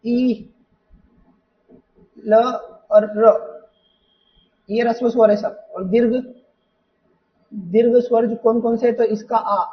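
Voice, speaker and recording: A man's voice: high-pitched, recorded from a distance. A man teaching an exam-preparation lesson who explains patiently, repeats points and keeps asking the students rhetorical questions. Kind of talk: exam paper walkthrough lesson. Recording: dull sound, voice from off the mic.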